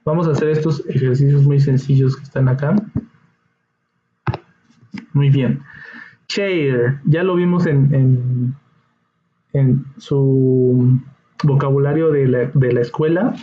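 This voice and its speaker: This man speaks at medium pitch in a steady tone, moving slowly and pausing often. He's teaching English, patiently explaining every step and checking on his students, recorded in a dull room with echo.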